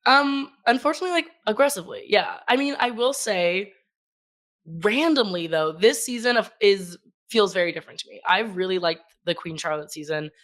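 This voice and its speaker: Podcast host lady chatting, gets all gushy and laughs a lot, mid pitch. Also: normal speed. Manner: animated, gushing, laughs often. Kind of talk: casual chat.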